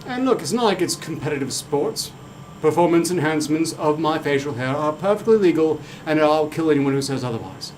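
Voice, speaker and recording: A man's voice: a little high, lively intonation, fairly quick, a little mellow, a little hiss or hum. A man chatting in character in fantasy improv, blunt, swaggering and crude.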